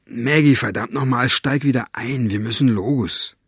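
A man's voice: medium pitch, measured pace, slightly rough, no room sound, clean studio sound. A man playing a tense, reticent father who answers curtly and firmly.

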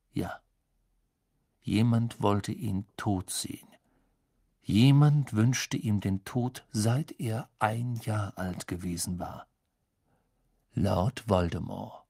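Ein Mann liest ein Hörbuch ausdrucksvoll und dramatisch vor. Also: male voice, lowish voice, slightly rough, dry recording, clean studio sound. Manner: expressive, dramatic storytelling. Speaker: audiobook narrator. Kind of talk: scripted audiobook narration.

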